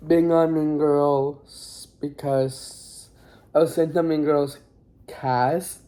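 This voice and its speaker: The teen high school student delivers a phone-recorded recap vlog casually but flatly, in a warm tone, pausing, rambling, and sounding apologetic.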